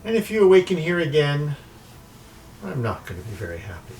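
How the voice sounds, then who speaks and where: A man voicing an imperious, mocking shapeshifting sorceress who talks in drawn-out, teasing threats. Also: a little high, big pitch swings, a little mellow, distant mic, slight background noise, voice pushed up. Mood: haughty menace. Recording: mic set back, faint music.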